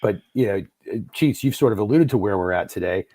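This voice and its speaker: A man's voice: fairly low pitch, animated, fairly quick, mellow, a little hiss or hum. A man talking passionately and emphatically on a podcast, sometimes stammering. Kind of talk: casual chat.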